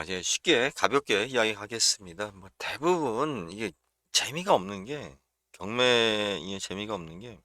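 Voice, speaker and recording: A man's voice: sits low, pushed and bright, no room sound, studio quality. A man from central South Korea, hosting a casual real estate livestream, talking bluntly with frequent fillers and chuckles. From Chungcheong region, South Korea.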